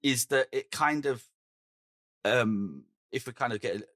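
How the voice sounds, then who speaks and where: A middle-aged man from England chats casually as a podcast co-host. His voice is bright and forward, and he talks in an animated way. The sound is dry and close. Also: mid-range voice, unhurried, dry recording. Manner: animated, swears and laughs easily. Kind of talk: casual chat.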